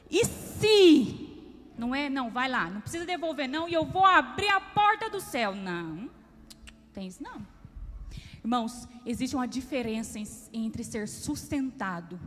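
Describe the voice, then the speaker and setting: A woman deaconess with a Brazilian Portuguese accent, preaching a testimony sermon and calling the congregation brothers. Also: a little high. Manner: animated storytelling, addresses congregation as brothers. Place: church hall. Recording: long church-hall reverb.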